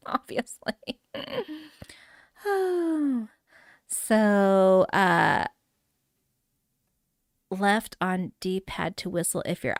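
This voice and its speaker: A middle-aged woman hosts a live gameplay stream, chatting loosely, laughing often and calling out viewers by name. Her voice sits at an ordinary middle pitch. It comes through a close mic with a dry, roomless sound. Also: no room sound. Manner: chatty and giggly, reading out chat names. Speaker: livestream host touring a game island. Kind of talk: casual live gameplay chat.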